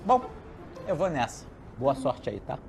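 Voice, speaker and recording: A man with a Brazilian accent playing a blunt, flippant spirit in a comedy sketch, breezy, slangy and deadpan. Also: medium pitch, a little slow, gravelly, over loud music. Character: blunt, flippant spirit friend, casually tactless.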